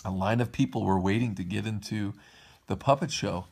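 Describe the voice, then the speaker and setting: A man's voice: lowish voice, moderate pace, gravelly, slightly rough. A man reading a storybook aloud to his kids, putting on voices for the characters. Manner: lively read-aloud, puts on voices for each character.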